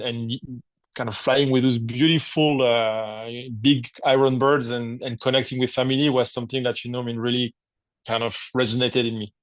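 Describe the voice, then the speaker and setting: In a podcast interview, an aviation executive who grew up in Africa speaks in a medium-pitched voice, groping for words and answering with many fillers and restarts. The recording is dry.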